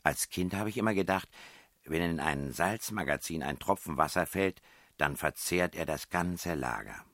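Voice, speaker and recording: A man's voice: sits low, fairly bright tone, no room sound, studio quality. A man reading aloud, voicing a bossy, teasing young woman known as the Princess in a storybook reading. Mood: musing. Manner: brisk, commanding, teasing.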